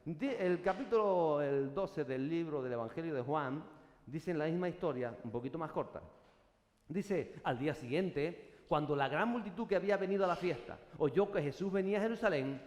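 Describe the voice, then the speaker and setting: A man preaching a sermon to his congregation, now and then breaking into loud shouted acclamations. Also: a little high, animated, moderate pace. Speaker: pastor. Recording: echoey hall, long reverb.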